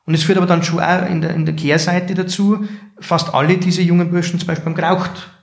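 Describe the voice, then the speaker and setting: This interview guest, a care home's middle-aged managing director with a Bavarian accent, relates anecdotes earnestly and reflectively. His gravelly voice sits high, with a level tone and fast delivery, in an echoey room.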